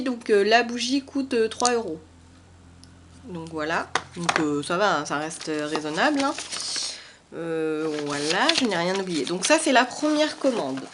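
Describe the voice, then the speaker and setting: A young woman with a French accent chatting casually through a haul video at home, hesitant and full of fillers, recorded on a camera mic. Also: mid-range voice. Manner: hesitant, many fillers and repetitions. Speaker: beauty vlogger. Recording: faint background noise.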